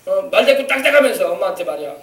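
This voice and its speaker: Pastor addressing kids, lively and questioning; man with very high voice, far from mic. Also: very fast. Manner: animated, coaxing, asks the children questions. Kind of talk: children's sermon. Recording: echoey church from far off.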